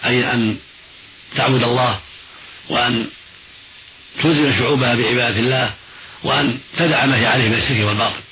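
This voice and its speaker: A man teaches religion in formal Arabic at a very rapid pace, repeating points emphatically. His voice is mid-pitched and gravelly. The radio recording is dull and noisy. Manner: didactic, emphatic repetition. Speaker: Islamic scholar answering listeners' questions.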